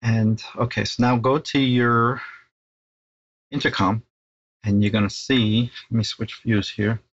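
Measured in pace and with little pitch movement, a middle-aged man's mid-range voice comes through lo-fi sound. He's a tech installer giving a casual, step-by-step tutorial, occasionally hesitating and repeating himself.

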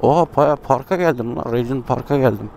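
A man's voice: mid-range voice, a little fast, vocal fry, darkish tone. A Turkish man chatting casually to his viewers while riding a motorbike through city traffic, musing and commenting on the road. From Turkey. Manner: chatty, musing, talks to himself about the road. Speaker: motovlogger. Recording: faint road and engine noise.

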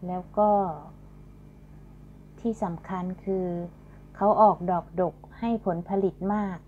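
A middle-aged garden channel host speaks slowly in a fairly low, warm voice as she politely explains flowers. She films the casual tour outdoors with a handheld phone, and the audio is dull and lo-fi with a faint hum.

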